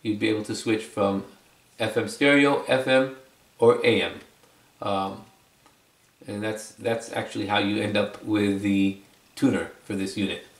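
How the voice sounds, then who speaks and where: Speaking low, steady and unhurried with long pauses, a man presents a product video, demonstrating the item casually and without a script. He explains as he goes and repeats phrases for emphasis, while the faraway microphone captures plenty of room echo.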